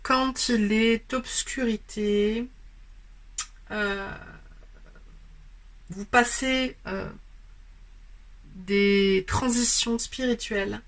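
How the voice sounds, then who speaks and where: A woman giving a spoken tarot card reading. She explains gently and pauses often, filling the gaps with hesitant fillers. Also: a little high, fairly even intonation. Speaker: tarot and oracle card reader. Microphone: camera on a stand.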